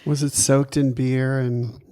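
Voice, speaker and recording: A man's voice: mid-range voice, flat delivery, a little slow, dark tone. A man hosting a podcast interview, asking curious questions and slipping in jokes in a casual chat. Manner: curious, joking follow-up questions. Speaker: podcast host.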